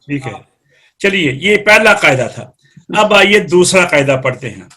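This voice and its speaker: In a live class, a man with a Pakistani Urdu accent teaches Quran recitation rules, explaining step by step and quizzing students by name. His voice sits high and sounds animated, pushed, and bright.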